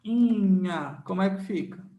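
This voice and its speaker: The audio is dull and the room echoey as a man with a high-sitting voice slowly teaches grammar online, sharing his screen. He uses plenty of diminutives in a friendly, informal style, repeats each key rule, and checks in often by asking "tá?" and "certo?".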